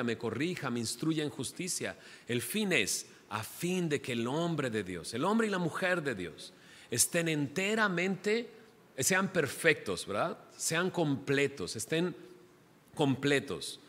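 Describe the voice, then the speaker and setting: A man preaching a sermon to a congregation, animated and joking with the listeners. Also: mid-range voice. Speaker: pastor. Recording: long hall reverb.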